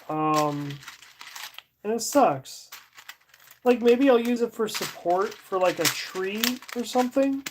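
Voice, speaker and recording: Low-pitched woman musing slowly. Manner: rambling, thinking aloud with fillers and soft laughs. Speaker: streamer. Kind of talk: casual livestream chat while sorting. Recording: audible background noise.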